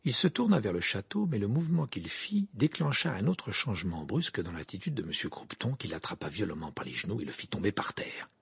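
Male narrator, audiobook reading, gravelly, husky, very lively pitch, dry close mic. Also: fairly quick, few pauses, no echo. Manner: expressive reading, wide pitch swings.

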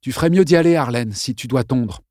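Un homme qui joue un policier conciliant. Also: male voice, mid-range voice, sing-song, moderate pace, vocal fry, darkish tone, breathy edge, no echo, clean studio sound, pitched above the performer's own voice, full character voice. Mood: apaisant. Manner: apaisant, conciliant. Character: policier d'âge mûr, conciliant et posé.

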